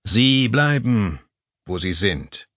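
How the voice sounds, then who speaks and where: A male narrator voicing a calm, firm male caller who speaks in a deep, measured tone in an audiobook thriller. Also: vocal fry, no room sound, clean studio sound, full character voice. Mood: commanding.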